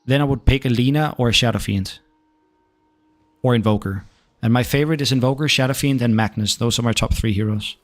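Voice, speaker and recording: Faint music plays behind this young Danish man, who talks a little fast at medium pitch in a Danish accent. He streams a game and chats with viewers in a laid-back style, cursing now and then.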